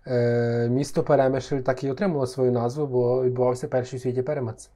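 Deadpan man with a mellow voice. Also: medium pitch, quick pace. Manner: dry, deadpan jokester, spinning absurd tall tales. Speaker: podcast co-host. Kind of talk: casual joking chat.

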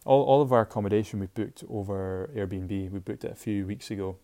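A man's voice: lowish voice, fairly quick, mellow. A man from Shetland with a Shetland Scottish accent, hosting a casual solo podcast in an informal, enthusiastic way and often repeating himself. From Shetland, Scotland. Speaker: podcast host.

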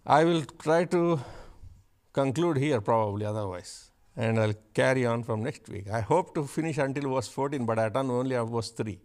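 A man preaching a sermon, shifting from chatty asides with the congregation to loud, emphatic repeated declarations. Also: medium pitch, moderate pace. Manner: builds to loud emphatic repetition; conversational asides with laughs.

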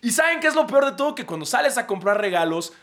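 Animated Mexican man telling a story. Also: very high voice, quick pace. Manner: animated, slangy, laughs often. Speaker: podcast host. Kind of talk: casual storytelling monologue.

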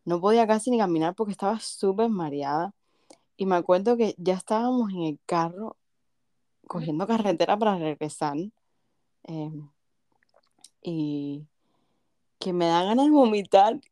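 A woman co-hosting a podcast, telling a story in a relaxed casual chat and laughing softly along the way. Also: fairly low pitch, normal speed, long pauses, no room sound, clean studio sound. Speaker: podcast co-host.

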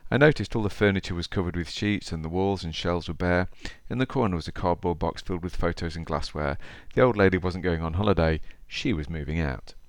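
A man's voice: sits low, dry recording, studio quality. A man with an East Midlands accent from Derby, hosting a podcast in a chatty, informal way, speaking straight to the listener as he talks and reads. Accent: East Midlands English, Derby. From Derby, England. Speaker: podcast host. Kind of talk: informal solo podcast talk and story reading.

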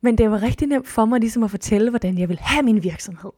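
A woman hosting a solo podcast, talking in a casual, expressive and chatty way, restarting often and swooping up now and then. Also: on the high side, dry recording, studio quality. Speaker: podcast host.

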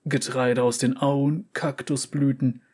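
A man's voice: mid-range voice, level tone, takes it slowly, darkish tone, breathy edge. A man voicing an impatient old merchant with a big-city accent, cold and haughty. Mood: smooth. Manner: haughty, snapping.

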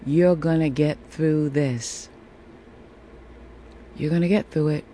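This solo podcast monologue comes from a woman with a deep, warm, sultry voice who takes it slowly and keeps her intonation fairly even. She speaks encouragingly into a phone at home, reassuring listeners with repeated phrases while an air conditioner hums faintly nearby.

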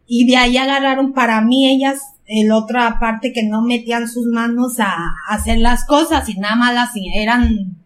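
An older woman with a Mexican accent, telling a story at an unhurried pace in a casual podcast chat and repeating words for emphasis. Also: fairly high pitch, fairly even intonation, a little hiss or hum.

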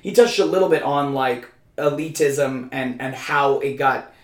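A man's voice: medium pitch, unhurried. A man co-hosting a podcast in casual chat, stammering through restarts and talking emphatically. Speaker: podcast co-host. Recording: roomy echo.

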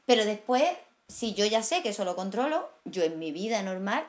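A woman with an Andalusian accent chatting casually, a lively storyteller who laughs often and keeps saying "you know". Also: mid-range voice, normal speed. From Andalusia, Málaga. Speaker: guest actress. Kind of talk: casual chat. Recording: dull lo-fi sound.

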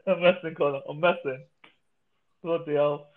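A man chats casually in a fairly high male voice. He rambles, repeats himself and swears freely. The sound is thin and narrow, like a phone or online call. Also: steady tone, normal speed. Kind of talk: casual group chat.

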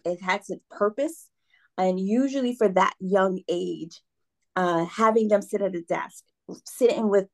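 A woman's voice: medium pitch, darkish tone. A woman who teaches preschool, talking in an interview, earnest and enthusiastic and often checking in with "right?". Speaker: preschool educator, guest. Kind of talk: casual interview talk.

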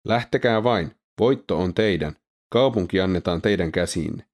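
A man's voice: sits low, lively intonation. A man reading Micaiah, a stern prophet. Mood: solemn. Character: defiant male prophet, stern and unbending.

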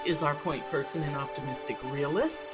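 An American woman hosting a podcast in casual chat, wry, unhurried and playfully teasing. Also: deep voice, over loud music. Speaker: podcast host.

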